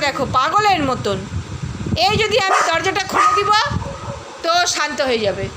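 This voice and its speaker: A woman's voice: high voice, very noisy. A woman vlogging about her dog, talking to him in cooing baby talk and chatting to her viewers.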